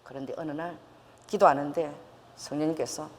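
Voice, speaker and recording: Older woman pastor, sermon testimony, animated storytelling, long reverb of a church hall. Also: sits low, moderate pace, a little hiss or hum. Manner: storytelling with laughs and acted quotes. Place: church sanctuary.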